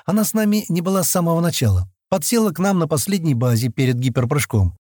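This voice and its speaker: A man's voice: a little high, very animated, fast, mellow, no echo, clean studio sound, voice pushed up. A man voicing a clever, decisive female alien colonist leader who speaks firmly and commands. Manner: firm, commanding.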